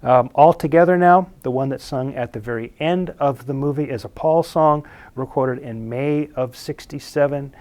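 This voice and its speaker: A man giving a casual recorded music lecture, relaxed and halting, with many fillers and restarts. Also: medium pitch.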